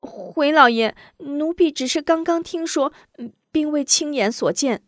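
Woman voicing a high-pitched young maid, timid, stammering, hurried, storybook style. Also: dry recording, studio quality. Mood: flustered. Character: anxious young maidservant girl, timid and flustered.

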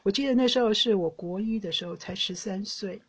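A middle-aged woman with a Taiwanese Mandarin accent, hosting a podcast and telling personal stories in an emotional, animated way. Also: mid-range voice, brisk, husky. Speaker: podcast host. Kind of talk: casual personal storytelling.

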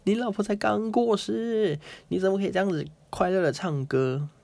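A man voicing a shocked male friend who scolds a sage in a shrill, indignant voice. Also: moderate pace, gravelly, a little mellow, no room sound.

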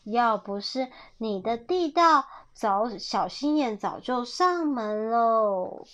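A woman voicing a grateful, protective mother rabbit in a storybook reading, gentle and slow. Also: fairly high pitch, expressive. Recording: dull lo-fi audio.

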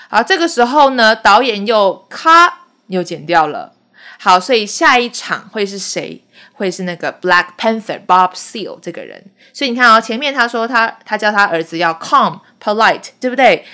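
A woman teacher walks through film dialogue line by line with patient explanations. She drops English phrases into her teaching. Her voice sits at a middle pitch. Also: sharp tone.

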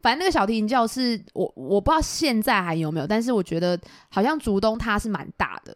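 A young woman with a Taiwanese Mandarin accent chats quickly and tells stories, her pitch leaping around as she acts out the people she quotes. The sound is close and dry, with no room around it. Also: dry recording. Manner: animated, acts out quoted people in lively voices. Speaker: podcast co-host. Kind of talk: casual chat storytelling.

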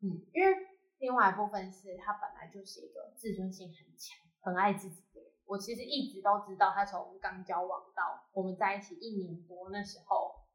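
A woman from Taiwan telling a personal story in casual chat, animated and acting out what others said. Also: mid-range voice, a little fast. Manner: animated storytelling, quoting others in lively voices. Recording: roomy echo.

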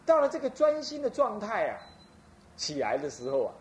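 A man's voice: high-pitched, wildly swooping pitch, normal speed, darkish tone, slight background noise. A man from Taiwan, an abbot giving a folksy Buddhist sermon and demonstrating chanting.

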